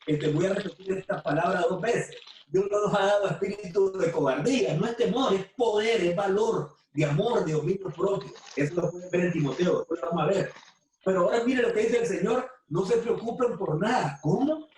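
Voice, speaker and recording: A woman's voice: medium pitch, darkish tone. Fervent Nicaraguan woman preaching in echo. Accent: Nicaraguan Spanish. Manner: fervent, repeats words, stresses key phrases slowly. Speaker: women's ministry speaker. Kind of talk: preaching talk. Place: room with phones streaming. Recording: very echoey room from a distant mic with faint noise.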